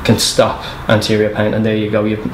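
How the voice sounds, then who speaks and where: A man's voice: fairly low pitch, monotone, fairly quick. A young man working as a sports massage therapist, explaining things casually. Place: small treatment room, indoors. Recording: echoey room with background noise.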